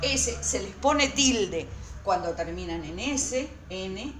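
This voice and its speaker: A woman teacher giving a recorded lesson to her students, speaking slowly and emphatically and repeating words syllable by syllable. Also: medium pitch, animated, reverberant, noisy background.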